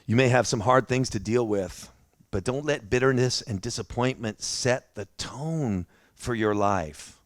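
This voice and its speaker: A man's voice: mid-range voice, a little slow, dry recording, clean studio sound. A man preaching a sermon in a church, telling his own story in a conversational, self-deprecating way. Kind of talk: sermon with personal testimony.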